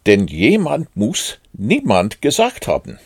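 A man's voice: mid-range voice, wildly swooping pitch, takes it slowly, dry recording, studio quality, voice pushed up, full character voice. A man voicing a naive, cheerful toy bear in a storybook reading, talking earnestly. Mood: calling, puzzled. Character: cheerful, simple-minded male toy bear.

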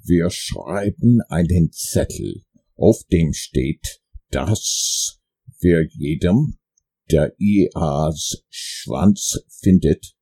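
Fussy, lecturing storybook owl, long-winded and pompous, in a man's slow, husky, gravelly voice. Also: very deep voice, expressive, mellow, exaggerated voice.

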